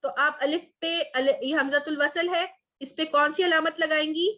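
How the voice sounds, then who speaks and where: A woman teaches Quranic Arabic to a small online class, taking it step by step. Her voice sits high, and she keeps checking with her students as she goes. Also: fairly even intonation, unhurried, pushed and bright. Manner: explains step by step, says "ठीक है" often.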